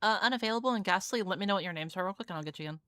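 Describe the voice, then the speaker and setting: Rapid-fire and sharp, her medium-pitched voice comes across clear and resonant with no echo. The speaker is a young adult woman streaming live and hosting games for viewers, loose and foul-mouthed with constant "like" fillers.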